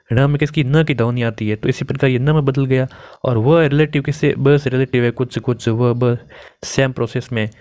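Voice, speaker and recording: Mid-range and darkish in tone, this young man's voice leads an exam-prep Hindi grammar lesson. He keeps asking questions and supplying the answers on his own.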